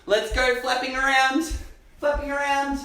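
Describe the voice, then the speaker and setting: Male kids' gym coach: high, slow, encouraging delivery, recorded from a distance in an echoey hall. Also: little pitch movement, bright, forceful tone. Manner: upbeat, encouraging, cheering children on. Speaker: gymnastics coach. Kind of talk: kids' movement class, live stream. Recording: roomy echo, distant from mic.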